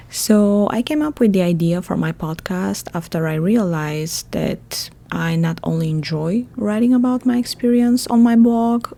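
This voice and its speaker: Podcast host: Bulgarian woman, 30s, chatty and laughing, lowish warm tone. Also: gravelly. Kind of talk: solo podcast monologue.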